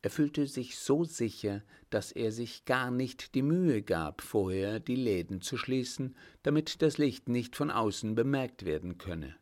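A man calmly narrating an audiobook in a measured way. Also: mid-range voice.

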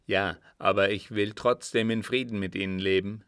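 A man voicing a cold, guarded older desert sheik in an audiobook reading, with a measured, cool delivery. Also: on the low side, steady tone, a bit bright, no room sound, studio quality, close to an everyday voice.

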